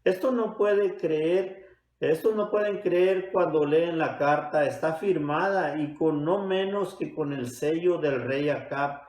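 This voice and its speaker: A male pastor preaching a sermon, retelling a Bible story with dramatic pauses, in a church. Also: a little high, darkish tone. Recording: echoey church sanctuary.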